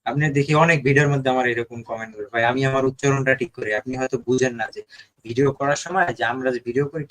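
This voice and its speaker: A man's voice: medium pitch, a bit bright, low-quality recording. A young Bangladeshi man hosting a casual live stream, reading viewer comments and often checking in with his audience. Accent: Bangladeshi Bengali. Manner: repetitive, keeps asking "ঠিক আছে?". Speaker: live-stream host of a ghost-hunting channel.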